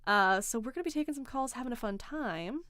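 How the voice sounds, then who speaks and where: A woman hosting a livestream in casual chat, sarcastic and animated, reading out chat comments. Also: fairly high pitch, fast, no echo, clean studio sound. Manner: animated, sarcastic, reads chat aloud, swears and laughs. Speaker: livestream host.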